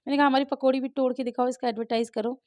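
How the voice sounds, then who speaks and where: Chatty higher-voiced woman vlogging at home. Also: level tone, rapid-fire, a little mellow. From India. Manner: chatty, talks straight to viewers as "guys". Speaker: family vlogger and mother. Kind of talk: casual home vlog chat. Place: at home, indoors. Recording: dull lo-fi home recording.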